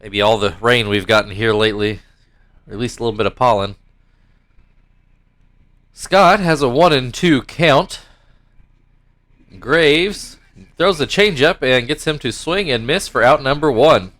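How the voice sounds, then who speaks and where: At a measured pace with frequent pauses, a congested young YouTuber commentates his baseball game league in a middle-pitched, slightly bright voice. He speaks casually, moving between mock play-by-play and rambling asides in which he corrects himself.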